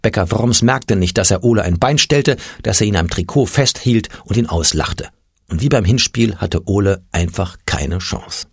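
A man with a lowish, slightly husky voice narrates a children's story, his pitch leaping around animatedly. The recording is dry and close, as from a studio booth. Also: normal speed, no echo. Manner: lively storytelling with voiced characters. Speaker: audiobook narrator.

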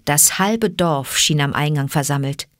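A woman reading a classic storybook aloud with even, clear narration. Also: deep voice, a little slow, no echo, clean studio sound. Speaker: audiobook reader.

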